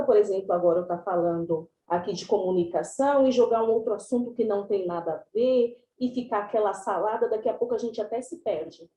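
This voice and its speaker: A woman's voice: on the high side, echoey room, slight background noise, rough recording. Chatty São woman presenting. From São Paulo, Brazil. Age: 30s. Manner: chatty, animated, explanatory. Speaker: class presenter. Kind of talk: online class presentation. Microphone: video call.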